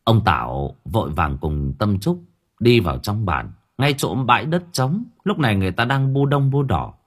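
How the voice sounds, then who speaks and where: Deep expressive male audiobook narrator. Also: moderate pace, slightly rough. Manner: expressive storytelling. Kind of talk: scripted story narration.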